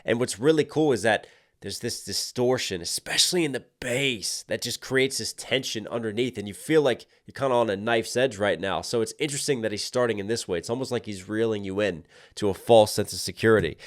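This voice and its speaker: A man hosting a music reaction, giving an excited, slangy line-by-line breakdown of rap with hype exclamations and vocalized rhythms. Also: lowish voice, a little fast.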